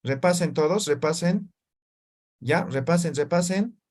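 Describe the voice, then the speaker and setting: A man's voice: fairly high pitch, a little slow, darkish tone. A man teaching an online language class, drilling students through repeated syllables and often tagging his sentences with short questions. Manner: frequent tag questions.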